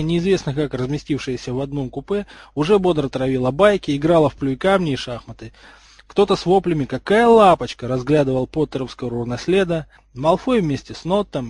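A man narrating a story aloud in a steady, slightly lively reading voice. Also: on the high side, breathy edge, no room sound.

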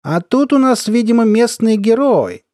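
A man voicing a mocking, sly middle-aged army colonel who talks in a squeaky, lisping, cooing baby-talk voice. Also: lively intonation, moderate pace, dark tone, dry recording, studio quality. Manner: mocking, taunting.

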